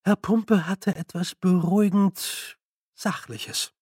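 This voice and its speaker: A man narrating an audiobook in a measured, deliberate way. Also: high-pitched, steady tone, a little mellow, husky, dry recording, studio quality. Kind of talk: scripted narration.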